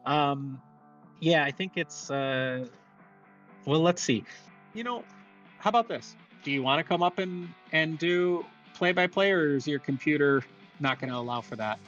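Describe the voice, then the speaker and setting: A man's voice: on the high side, measured pace, fairly bright tone, dull audio, faint music behind. A man hosting a live sports broadcast as play-by-play announcer, casual and chatty, with a self-deprecating way of talking.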